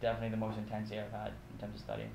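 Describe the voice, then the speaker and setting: A man's voice: on the low side, big pitch swings, racing, creaky. A man in his twenties from Bahrain, a college student talking casually and self-deprecatingly in a documentary interview, peppered with "like". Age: 20s. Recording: echoey room, faint background noise.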